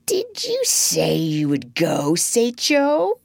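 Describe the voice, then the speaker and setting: A woman's voice: medium pitch, sing-song, slow, a bit bright, no echo, studio quality, pitched above the performer's own voice, full character voice. A woman voicing a sardonic male pirate captain in a storybook reading, theatrical and full of mock-pleasant menace. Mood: steely. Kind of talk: storybook narration character voice.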